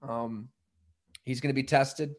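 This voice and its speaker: Man giving relaxed, conversational sports commentary. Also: medium pitch, slow pace. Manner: conversational, thinking aloud with broken-off sentences. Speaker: football commentator on a sports talk show.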